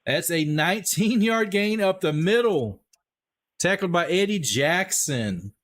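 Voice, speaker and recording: Speaking a little slowly in a high, fairly bright, animated voice, a man with a Texan accent handles casual play-by-play on a live stream. He's upbeat and talkative, addressing viewers directly and calling out chat messages.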